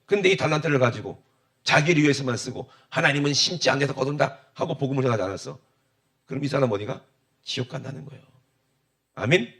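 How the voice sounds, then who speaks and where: A male pastor preaching a sermon, firing rhetorical questions at the congregation and calling for amens, swinging from loud exclamations to low muttered asides. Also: animated, quick pace, gravelly. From South Korea.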